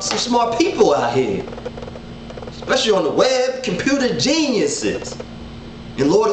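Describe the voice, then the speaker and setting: A thirty-something man with a high voice gives an informal Bible study talk to viewers online, speaking indoors from his living room. He's earnest and animated with gestures, repeating words as he collects his thoughts. Roomy webcam audio from desk distance carries a noisy background.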